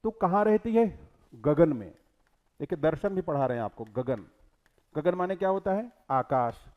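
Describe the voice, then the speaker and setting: A male teacher giving an exam-prep lecture on scripture, asking rhetorical questions and quoting verses, his voice swinging between loud and soft. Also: on the high side, expressive, moderate pace, highs cut off.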